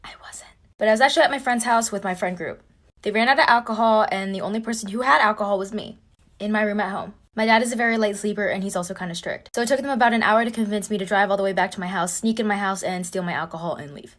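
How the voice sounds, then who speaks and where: A woman's voice: medium pitch, fast, a bit bright. A young woman casually retelling a personal story in a chatty, conspiratorial way.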